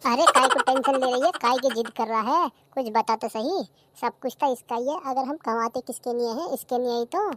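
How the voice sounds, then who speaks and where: A woman's voice: high voice, normal speed, fairly bright tone. A woman voicing a stingy, teasing village husband in a cartoon comedy, with a scolding, mock-dramatic manner. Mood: soothing.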